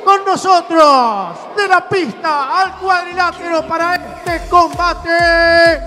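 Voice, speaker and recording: Very high-pitched man, lucha libre announcer. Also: in a large hall, a crowd in the background. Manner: shouted, drawn-out delivery of fighter names. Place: indoor wrestling arena, in the ring. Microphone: handheld microphone.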